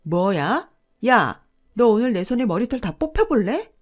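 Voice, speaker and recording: A woman's voice: mid-range voice, big pitch swings, normal speed, soft background music, lightly acted. A woman playing a greedy, bossy sister-in-law. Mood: angry. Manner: shouting, rude, demanding. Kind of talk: radio drama acting.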